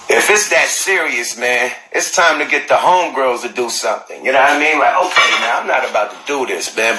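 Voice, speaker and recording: A man's voice: mid-range voice, bright, forceful tone. Man, casual livestream storytelling, profane, laughs between words, roomy echo, noisy background. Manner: profane, laughs often mid-sentence. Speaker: livestream host. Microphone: phone.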